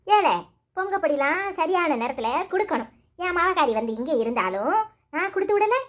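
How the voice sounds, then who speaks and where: A woman voicing a nagging, sharp-tongued old mother-in-law in a cartoon, speaking Tirunelveli Tamil with quick, sarcastic scolding. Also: very high-pitched, very animated.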